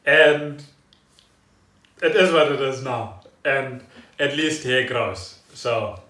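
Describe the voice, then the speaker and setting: A man with a mid-range, bright and forceful voice chats slowly and casually as a podcast co-host in a living room, explaining things in a rambling, storytelling way. He sits far from the mic, and the room gives a roomy echo.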